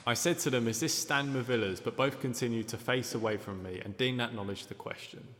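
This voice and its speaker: An actor calmly reading out a witness statement in a formal, measured way. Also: male voice, mid-range voice, in a large hall, natural voice. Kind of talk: measured read-aloud statement.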